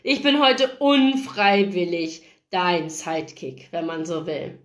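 A woman's voice: on the low side, lively intonation, takes it slowly. Woman reading a crude, grumpy young rocker guy. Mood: gruff. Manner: rude, loud, cursing. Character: crude, grumpy young male rock guitarist. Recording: roomy echo.

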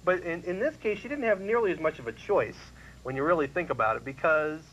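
A man co-hosting a casual chat about old sitcoms, rambling and halting with fillers and restarts. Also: fairly high pitch, lively intonation, fairly bright tone. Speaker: co-host. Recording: dull lo-fi 1990s cable recording with faint hiss.

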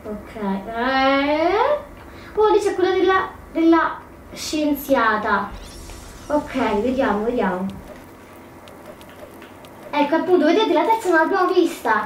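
A woman speaks slowly and with frequent pauses, her high voice animated, as she commentates her game casually. She thinks aloud, wavers, and revises her words a lot, recorded from a distance in a roomy space with faint noise.

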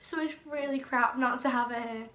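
A young woman vlogger telling a tearful story about an injury, speaking softly and often dropping to a whisper. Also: a little high, steady tone, normal speed. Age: young adult. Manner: soft, often whispering, emotional. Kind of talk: tearful story-time vlog. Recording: echoey room with faint noise.

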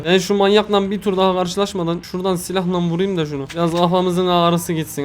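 A man with a high voice rattles through let's play commentary at a fast clip. He is excitable, talks straight to the characters on screen and swears often. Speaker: gaming video host.

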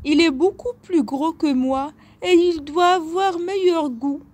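A woman voicing a tiny, timid little billy goat in a storybook, pleading in a high voice. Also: a little slow, a little mellow. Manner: pleading, squeaky.

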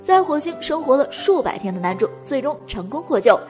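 A woman reading a scripted movie recap as narrator, talking fast in a continuous delivery. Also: sits high, sing-song, a little mellow, faint music behind.

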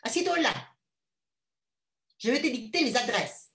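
A woman voicing a shrill, domineering wealthy mother who scolds loudly in a high voice. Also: lively intonation, unhurried, roomy sound. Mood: scolding. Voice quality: loud, high-pitched, scolding.

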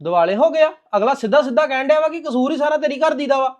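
An actor playing a stern young husband who scolds his new wife. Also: very high-pitched. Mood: scolding. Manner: scolding, rapid, reproachful. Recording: dull lo-fi sound with music behind.

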